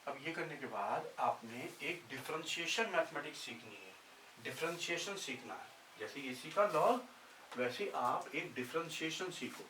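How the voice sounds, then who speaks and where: A man's voice: fairly high pitch, expressive, a little slow, bright, forceful tone. A male physics teacher explaining formulas step by step, often repeating himself. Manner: repetitive, drills formulas step by step. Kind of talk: blackboard lesson explanation. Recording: echoey room, distant mic, faint hiss.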